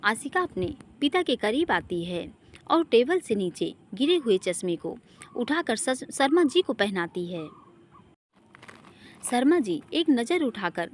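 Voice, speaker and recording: A woman tells a scripted family drama story and reads every character's lines herself. Her voice sits fairly high and swings widely in pitch, and for some lines she dips lower and softer. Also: sing-song, unhurried.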